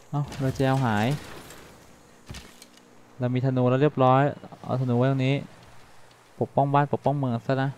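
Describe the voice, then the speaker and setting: A man hosting a let's-play, talking quickly and casually as he thinks aloud and reads out game text. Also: medium pitch, darkish tone, slight background noise. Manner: translates game text on the fly. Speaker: gaming channel host.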